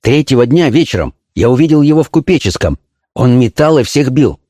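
A man voicing an eager young informant in a storybook reading, reporting what he has seen in a raised, excited voice. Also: mid-range voice, a little fast, dry recording, studio quality, lightly acted.

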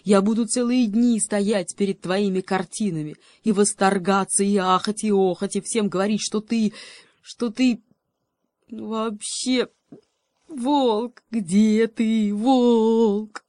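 A woman voicing a boastful, greedy male cheetah who shouts and growls in desperation. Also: sits low, measured pace, pauses often, no echo, studio quality. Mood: desperate shouting.

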